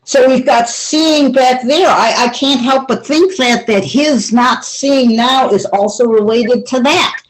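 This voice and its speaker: A woman's voice: high voice, unhurried, hardly any pauses, rough recording. A woman taking part in a Bible study class, making her point earnestly and step by step. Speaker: class participant.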